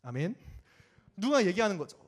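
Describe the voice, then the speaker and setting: A young man preaching a sermon in a lively way, acting out the voices of the people in his story. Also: sits high, normal speed, slightly rough. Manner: animated, acts out quoted voices.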